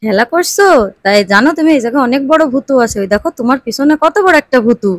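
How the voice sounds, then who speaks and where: A woman's voice: high voice, animated, fast talker, dry recording, studio quality. A young woman, a mother hosting a family vlog, coaxing her child and chatting to viewers. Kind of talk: casual family vlog chat.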